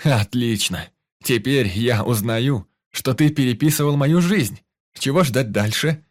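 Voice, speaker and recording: A man's voice: on the low side, unhurried, no echo, clean studio sound, voice pushed up. A man voicing a terrified young man who pleads and shrieks hysterically, out of breath. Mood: agitated.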